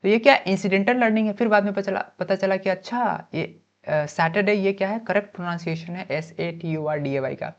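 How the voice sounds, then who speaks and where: A woman's voice: medium pitch, brisk, lo-fi sound. A woman teaching an exam-prep lesson. She explains by asking and answering her own questions, checks in often, mixes in English terms and spells words out letter by letter.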